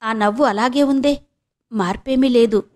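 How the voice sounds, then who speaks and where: A proud middle-aged woman, voiced by a female narrator who speaks sharply and with scorn. She snaps out short questions in a high voice and does not hide her contempt. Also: a little slow, darkish tone, close to an everyday voice. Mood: wistful.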